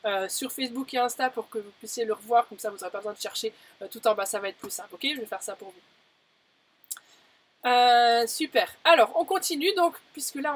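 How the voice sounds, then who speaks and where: A woman teaching German in a live lesson, chatty and full of fillers, slowing down carefully on each example phrase. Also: on the high side, slight background noise. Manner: chatty, many "euh" fillers, slows down to model German phrases. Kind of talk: live-streamed language lesson.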